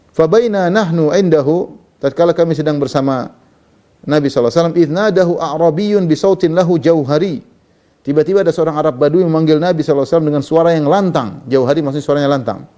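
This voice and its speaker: Male preacher, quick and mellow, reads Arabic then explains casually, sermon commentary. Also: a little high. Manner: reads Arabic text then explains in Indonesian, conversational with fillers. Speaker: Islamic preacher.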